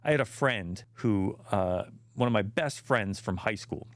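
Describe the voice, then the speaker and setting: A middle-aged man hosting a podcast, telling stories in a casual, animated way with lots of fillers and restarts. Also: lowish voice, unhurried, dry recording. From United States. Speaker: podcast host and men's health clinician. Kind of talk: casual monologue.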